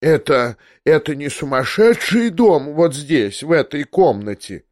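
A man reading an audiobook, voicing a frail, frightened old prince who pleads in a slow, trembling voice and slips into French. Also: on the high side, expressive, a little mellow, dry recording, studio quality. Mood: terrified. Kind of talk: audiobook character voice.

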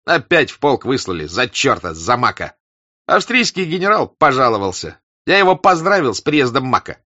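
A man voicing a cheeky, joking young officer who talks excitedly and boastfully, on a dull, dry lo-fi recording. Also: mid-range voice, normal speed, no echo, voice pushed up.

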